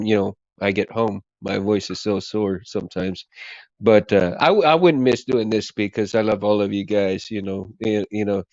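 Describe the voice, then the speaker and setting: Hosting a casual livestream, a man who is losing his voice rambles and repeats himself while thanking viewers, sounding hoarse and coughing. His voice is fairly low with a darkish tone, and the recording is dry and muffled.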